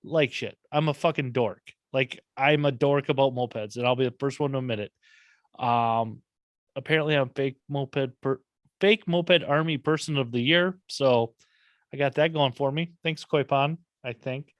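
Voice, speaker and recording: A man's voice: mid-range voice, normal speed, no echo. A man hosting a casual moped podcast, rambling and swearing freely in a laid-back way. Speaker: podcast host.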